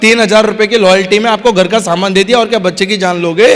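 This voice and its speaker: A man's voice: high voice, quick pace, a little hiss or hum. A man giving a motivational business training talk to a live audience, full of stories, humor and "yes or no" questions to the crowd. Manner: energetic, repeatedly asks the crowd "yes or no"; storytelling with acted-out dialogue and humor. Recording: hall reverb.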